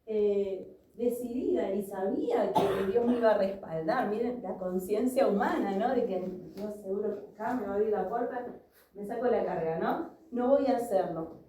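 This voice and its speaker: A woman's voice: mid-range voice, moderate pace, mellow. A woman preaching a sermon, earnestly telling a personal story and reading scripture. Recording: echoey room, voice from a distance.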